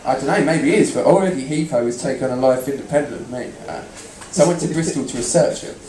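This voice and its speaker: A man's voice: mid-range voice, quick pace, background noise. A young man doing live stand-up storytelling, chatting and bantering with the audience. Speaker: stand-up comedian. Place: comedy venue in front of an audience. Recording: roomy live venue, distant mic.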